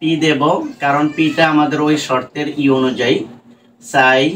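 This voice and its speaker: A man's voice: medium pitch, steady tone, normal speed, fairly bright tone, slight background noise. A man teaching English pronunciation in Bengali with a Bangladeshi accent, spelling words out letter by letter and often asking "right?" as he goes. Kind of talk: online pronunciation lesson.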